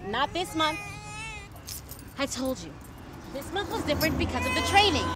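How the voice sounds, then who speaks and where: A woman playing a firm, measured young mother in a web series drama. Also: high voice, very animated, heavy background noise.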